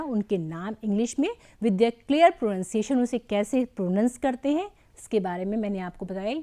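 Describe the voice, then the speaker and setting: A woman teacher, giving a slow English lesson to young children, spelling out words and praising often. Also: mid-range voice, dark tone. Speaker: primary school English teacher.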